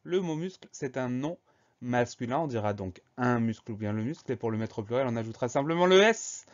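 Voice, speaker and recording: A man teaching a spelling lesson, spelling words out letter by letter in a slow, deliberate way. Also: mid-range voice, darkish tone, highs cut off.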